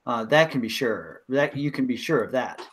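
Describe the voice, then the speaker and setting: A man voicing a shrewd older village medicine woman in a tabletop game, talking haltingly with many pauses and a lecturing tone. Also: mid-range voice, animated, a bit bright, breathy edge. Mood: knowing. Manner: halting, full of ums, lecturing.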